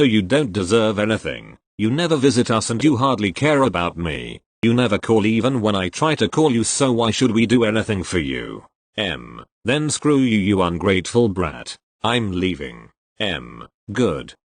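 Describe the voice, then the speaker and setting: A man with a lowish voice, the channel's regular reader, reads online posts aloud in an expressive storytelling style. There is no room sound.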